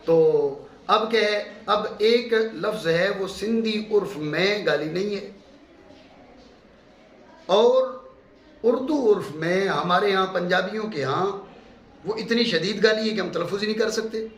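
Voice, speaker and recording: A middle-aged man from Pakistan giving a classroom lecture as a religious teacher, emphatic, repeating key terms and checking in with his students. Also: high-pitched. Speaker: mufti teaching a course. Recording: echoey room with faint background hum.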